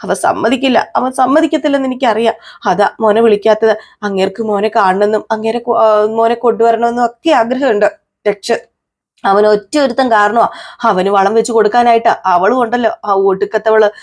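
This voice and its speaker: ഒരു സ്ത്രീ, മരുമകളോട് കയ്പ്പുള്ള ഒരു മധ്യവയസ്കയായ അമ്മായിയമ്മയായി ശബ്ദം നൽകുന്നു, പരാതിയും പുച്ഛവും നിറഞ്ഞ സംസാരം. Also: female voice, fairly high pitch, steady tone, a little fast, lightly acted. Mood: bitter. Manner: complaining, scornful asides. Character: scheming middle-aged mother-in-law, bitter toward one daughter-in-law.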